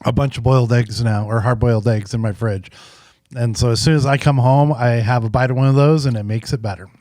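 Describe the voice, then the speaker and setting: A man's voice: mid-range voice, fairly even intonation, brisk, a little mellow, dry recording, studio quality. A man co-hosting a casual podcast, joking and teasing his co-host in easy banter. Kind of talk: casual chat.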